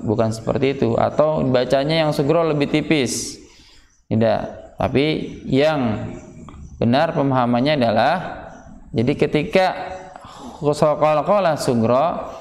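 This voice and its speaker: A man's voice: medium pitch, darkish tone. A man teaching Quran recitation rules to adults in a prayer room, patiently drawing out example words. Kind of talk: tajwid lesson in a prayer room. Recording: echoey room with long reverb.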